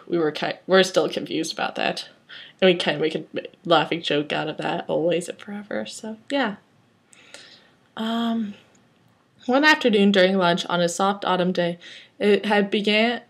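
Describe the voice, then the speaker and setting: Woman reading fanfic aloud, casual and rambling, wry asides between passages. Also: medium pitch. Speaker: reader.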